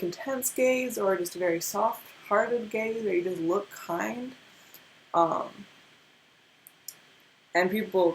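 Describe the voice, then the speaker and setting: A woman's voice: fairly low pitch, slight background noise, rough recording. A tired young woman with a stutter, giving a casual tarot card reading after very little sleep, with many restarts. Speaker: tarot reader.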